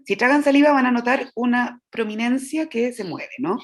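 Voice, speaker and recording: A woman's voice: on the high side, normal speed. Woman lecturing on the voice. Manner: explanatory, checks in with "¿ya?"; demonstrates vocal sounds. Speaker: voice teacher. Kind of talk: lecture to teachers.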